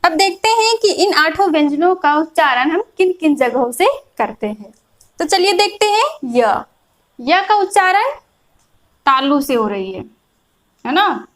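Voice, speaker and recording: A woman teaching a grammar lesson, explaining slowly and repeating each point, often checking whether her students follow. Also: high voice, animated, poor audio. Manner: patient, repeats points, checks in with frequent "is that clear". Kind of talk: classroom lecture explaining a chart.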